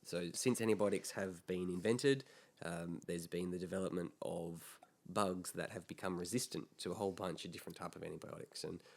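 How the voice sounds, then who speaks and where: Deep-voiced man explaining health. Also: steady tone, a little fast, gravelly. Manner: explanatory, drops into mock voices. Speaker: podcast co-host. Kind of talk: casual health chat.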